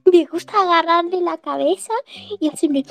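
A woman's voice: extremely high pitch, steady tone, moderate pace, vocal fry, a bit bright, faint music behind. A woman streamer chatting casually with her listeners, rambling and giggling often between phrases. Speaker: streamer hosting a live audio chat.

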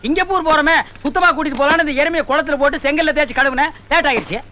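Village exorcist, high and bright, snaps out insults fast, film comedy. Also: male voice, a little hiss or hum. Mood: scolding. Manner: scolding, mocking, quick-tongued. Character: bossy bragging male village exorcist, middle-aged. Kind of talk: 1990s Tamil film comedy.

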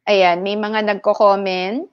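A woman co-hosting a casual chat, agreeing often in a slow, easy way. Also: medium pitch, flat delivery, smooth, muffled recording. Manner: slow, agreeable backchannel talk.

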